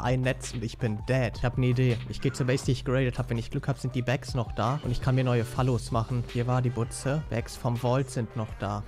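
A man giving excited, slangy live commentary on his own gameplay, swearing often. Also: mid-range voice. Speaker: gaming YouTuber. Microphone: studio mic.

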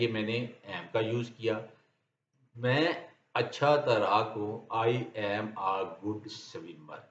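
A man with a Pakistani Urdu accent teaching English grammar in a lecture, reading his example sentences very slowly and deliberately. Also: fairly low pitch, a bit bright. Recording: dull, roomy lecture recording.

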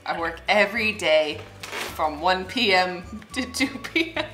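A young woman making casual prank calls indoors, explaining herself in a deadpan, rambling way. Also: fairly low pitch, measured pace, over music. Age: young adult. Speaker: prank caller and show host. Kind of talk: casual prank phone call and chat. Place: small indoor room, seated at a table.

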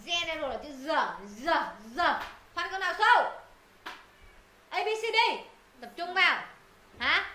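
A woman teacher runs a pronunciation drill, repeating words and quizzing her students. Her voice is high and bright. It rings in an echoey room with faint background noise. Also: animated, normal speed, long pauses. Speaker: English teacher. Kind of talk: live pronunciation lesson to students.

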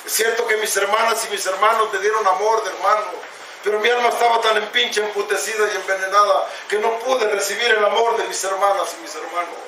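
At a recovery meeting, a man with a Mexican Spanish accent delivers a raw, impassioned testimony full of heavy swearing, calling those listening his companions. His sharp voice sits high with fairly even intonation and a slightly fast pace. The distant mic in an echoey hall picks up a little hiss or hum.

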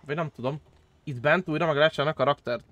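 A young man streaming a role-play game, chatting casually and excitably with friends, swearing often and jumping into high squeals. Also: lo-fi sound. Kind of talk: casual gaming chat with friends.

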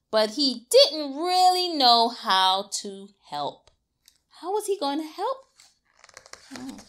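Indoors, in a small, colorful room like a classroom, a young adult teacher reads a storybook aloud to little children. She hams it up and invites them to join in, her voice sitting high and sounding a bit bright.

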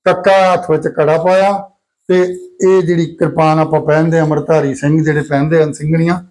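ਇੱਕ ਪੁਰਸ਼ ਅਧਿਆਪਕ ਕਲਾਸ ਨੂੰ ਗੁਰਮੁਖੀ ਅੱਖਰ ਸਿਖਾਉਂਦਾ ਹੈ, ਧੀਰਜ ਨਾਲ ਅੱਖਰ ਦੁਹਰਾਉਂਦਾ ਹੈ ਅਤੇ ਬੱਚਿਆਂ ਤੋਂ ਜਵਾਬ ਬੁਲਵਾਉਂਦਾ ਹੈ।. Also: male voice, a little high, level tone, fairly quick, darkish tone, poor audio. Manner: patient, repeats letters and prompts pupils to answer. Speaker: Punjabi alphabet teacher. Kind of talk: classroom lesson with call-and-response.

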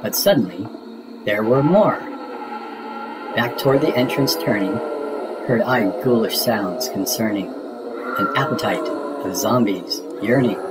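Acting as a storybook narrator, a man reads a spooky rhyming children's story aloud in a theatrical, deliberate style. His voice is fairly low, and the recording is very noisy.

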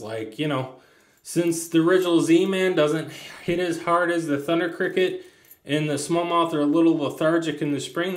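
A man casually showing fishing lures at a table, rambling with lots of ums and restarts. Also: fairly high pitch. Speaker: fishing channel host. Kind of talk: casual tabletop lure demo. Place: indoors at a tabletop, hands on camera. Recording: echoey room.

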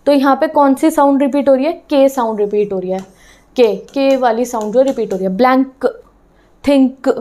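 A woman teaching a class in a fairly high, warm and mellow voice. She slips English terms into her explanations and keeps asking her students questions. She checks again and again that they are keeping up. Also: normal speed. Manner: keeps checking in with "theek hai".

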